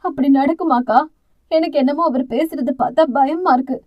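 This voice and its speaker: A woman's voice: sits high, a little fast, highs cut off, close to an everyday voice. A woman doing an anguished weeping mother. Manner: weeping, fearful lament.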